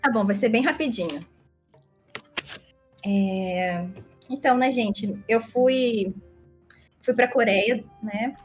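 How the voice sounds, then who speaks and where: Young brazilian portuguese accent girl, high voice, giggly casual storytelling, bit of music in the back. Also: slow, long pauses. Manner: rambling, playful, giggly. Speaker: livestream guest storyteller.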